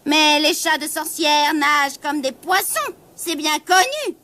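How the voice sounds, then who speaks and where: A woman's voice: high-pitched, lively intonation, measured pace, bright, forceful tone, pitched above the performer's own voice, full character voice. A woman voicing a cunning, vengeful female witch with a commanding, sing-song voice in a storybook reading. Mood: coaxing.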